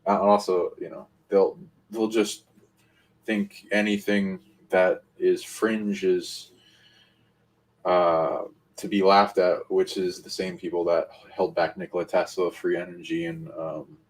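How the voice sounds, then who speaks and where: Deep-voiced man, rambling co-host. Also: little pitch movement, slow, rough recording. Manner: rambling, speculative. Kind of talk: casual live-stream talk.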